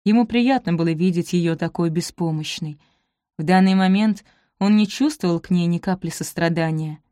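A woman narrating a romance novel in a measured, expressive reading voice. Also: lowish voice, no room sound, clean studio sound. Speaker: audiobook narrator.

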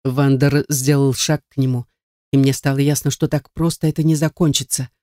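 A man's voice: medium pitch, little pitch movement, normal speed, warm tone, no room sound. Male audiobook narrator, dry close sound. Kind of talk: scripted narration of a first-person novel.

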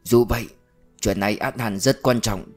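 A man voicing a thin, grey-haired older male official who speaks slowly and sadly, in an audiobook reading. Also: lowish voice, a little mellow, soft background music, lightly acted. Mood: somber. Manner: slow, sad, measured.

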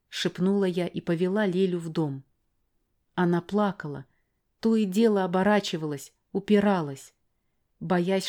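Woman narrator, lower voice, calm first-person audiobook reading.

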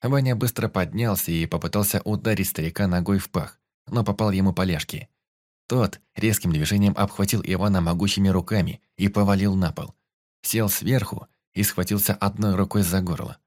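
Deep-voiced man narrating a story. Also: fairly quick, a little mellow. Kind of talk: audiobook narration.

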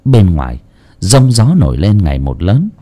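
A man narrating a horror story in a slow, brooding, expressive way. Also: sits low.

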